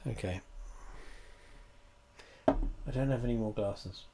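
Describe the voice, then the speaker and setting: A man's voice: lowish voice, slow pace, heavy background noise. A man, stuffed up and coughing, giving a meandering, profane, wry review at home. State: congested, coughing. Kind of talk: rambling casual review. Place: at home indoors.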